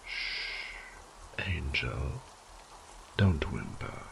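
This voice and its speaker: A man plays an ancient vampire lord in a horror audio drama, murmuring in a very low, slow, breathy and gravelly voice with condescending menace. He is possessive and cruel in a mock-tender, sing-song way, and the exaggerated performance keeps a menacing calm over background noise.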